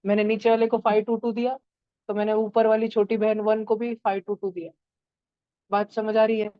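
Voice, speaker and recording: A woman's voice: mid-range voice, level tone, moderate pace, smooth, no echo, dull audio. A woman teaching a math lesson to children in an online class, turning numbers into story characters and acting out their lines. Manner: playful, acts out number characters in voices.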